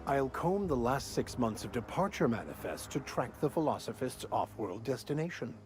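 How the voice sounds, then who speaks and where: An actor voicing a worldly male vicar in a video game, speaking in a dry, measured way. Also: mid-range voice, big pitch swings, a little mellow, faint music behind, lightly acted. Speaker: game companion.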